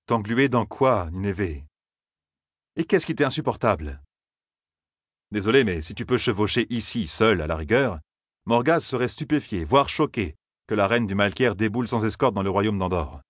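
A man's voice: on the low side, expressive, normal speed, breathy edge, no room sound, studio quality. A man voicing a tender warrior king. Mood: tender teasing. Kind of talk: audiobook character voice.

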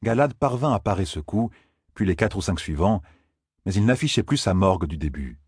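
A man narrating an audiobook in expressive storytelling style. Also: low voice, a little fast, slightly rough, no room sound, clean studio sound. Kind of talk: scripted narration.

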